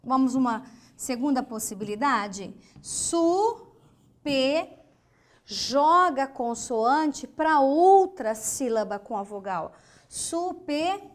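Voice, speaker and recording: A woman's voice: a little high, lively intonation. A Brazilian woman teaching an online grammar lesson, spelling out words syllable by syllable and posing questions to the students. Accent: Brazilian Portuguese. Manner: slow, emphatic, spells out syllables and asks rhetorical questions.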